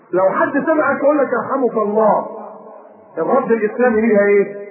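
Egyptian male preacher, rapid animated delivery, tinny phone-like tape in an echoey hall with a crowd. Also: high voice. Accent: Egyptian Arabic. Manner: animated, scolding, mimics people. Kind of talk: recorded sermon lecture.

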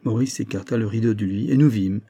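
Triumphant and pressing, a man plays a sharp male investigator laying out how a crime happened, his voice raised, emphatic, probing, and tense. The voice is fairly low, brisk, dark in tone, with a breathy edge.

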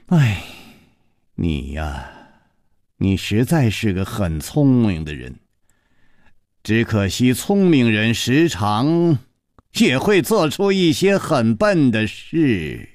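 A man voicing a cold, scheming woman who holds a captive, speaking low and slow with a sneer. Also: very animated, dry recording, studio quality. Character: cold scheming woman captor, icy and menacing.

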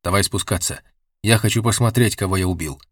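A man reading the part of a quiet, watchful young hunter in an audiobook, in short, matter-of-fact lines. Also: on the low side, brisk, slightly rough, no echo, studio quality. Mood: plain.

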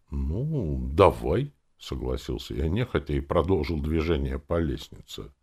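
A man narrating a first-person audiobook in a wry, expressive way. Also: low voice.

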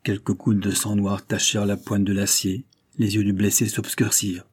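A man narrating a classic novel as an audiobook in a steady, solemn storytelling manner. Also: lowish voice, moderate pace, slightly rough, no echo, clean studio sound. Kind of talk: scripted literary narration.

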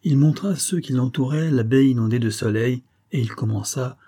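A male audiobook narrator with a husky, mellow voice. He reads the adventure tale in a measured, even manner. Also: mid-range voice. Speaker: audiobook reader. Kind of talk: scripted narration.

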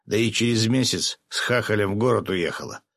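A man voicing a big, laconic man with slow, dry mockery in a gravelly low voice. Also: a bit bright. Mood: mocking.

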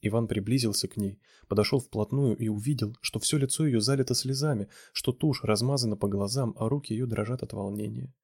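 A man reading a romance novel aloud in a steady, measured narration. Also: mid-range voice, creaky, slightly rough, dry recording, clean studio sound. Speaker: audiobook reader.

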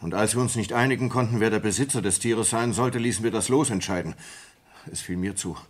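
Reluctant and uneasy, a distraught sailor, voiced by a man with a lowish, husky voice, confesses a horrifying ape killing in a German radio-play monologue. The acting is halting and intense, alternating between hushed and agitated.

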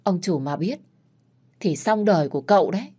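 A woman's voice: on the low side, animated, normal speed, dark tone, breathy edge. A woman doing a flustered old housekeeper. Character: anxious older female housekeeper, quick to placate.

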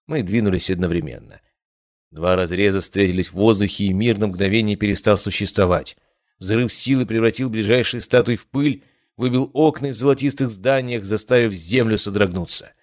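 A male narrator telling a first-person fantasy tale. His voice sits low and even, measured in pace. The recording is close and dry, with no room sound. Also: dry recording. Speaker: audiobook narrator.

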